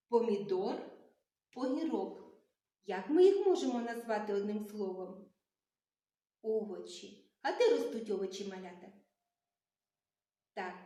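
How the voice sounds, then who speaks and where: A woman teaching young children, asking questions and praising them in a slow, sing-song teacherly way. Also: on the high side, warm tone. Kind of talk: children's literacy lesson. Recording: very echoey room.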